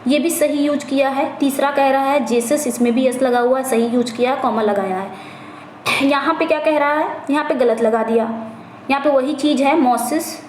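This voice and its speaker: A woman with a high voice teaches an exam-prep lesson. She reads each English question out slowly, then explains it in Hindi, repeating phrases as she goes. The recording is roomy and echoey, with a faint hiss behind her. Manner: repeats phrases, corrects herself. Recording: echoey room, faint background noise.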